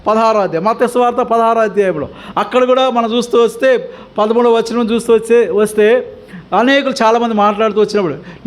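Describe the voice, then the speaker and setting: A male pastor with a Telugu accent teaching the Bible, questioning his congregation over and over and pushing them to answer, with English words dropped in. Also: high-pitched. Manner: mixes English words into the talk.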